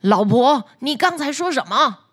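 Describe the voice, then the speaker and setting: A woman's voice: high-pitched, animated, moderate pace, fairly bright tone, no echo, clean studio sound. A woman voicing a timid, meek fisherman who pleads fearfully with his wife in a bedtime story. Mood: startled.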